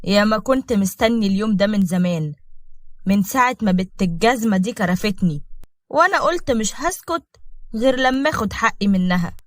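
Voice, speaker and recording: A woman's voice: mid-range voice, expressive, brisk, no room sound, clean studio sound, natural voice. Woman voicing a gloating vengeful Egyptian man. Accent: Egyptian Arabic. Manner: gloating, scheming. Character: vengeful scheming man seeking revenge.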